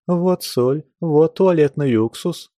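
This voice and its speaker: A man's voice: a little high, slow pace, mellow, dry recording, studio quality, pitched above the performer's own voice. A man reading an audiobook, voicing a prying, coquettish society lady who coaxes and insists, eager for gossip. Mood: coaxing, prying.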